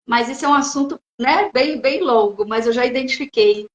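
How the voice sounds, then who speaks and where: A woman on a live stream who chats casually and gives calm advice to viewers. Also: high-pitched, normal speed, roomy sound.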